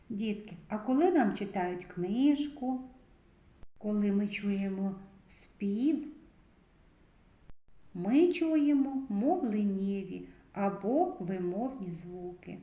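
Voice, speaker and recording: Slow-speaking woman teaching small children. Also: medium pitch, mellow. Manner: addresses children, prompts them to repeat sounds. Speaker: preschool teacher. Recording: dull, lo-fi sound in an echoey room.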